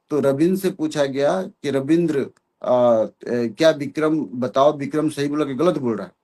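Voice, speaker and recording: A middle-aged man, an interview guest, recounting a personal memory in earnest, halting speech full of fillers and restarts. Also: a little high, darkish tone. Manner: earnest, hesitant with many fillers. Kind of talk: personal storytelling in conversation.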